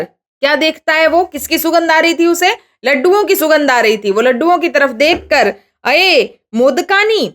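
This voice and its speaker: High-voiced woman teaching a lesson. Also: fairly bright tone. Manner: reads each Sanskrit phrase slowly, then explains it with questions to students. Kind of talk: Sanskrit lesson explained in Hindi.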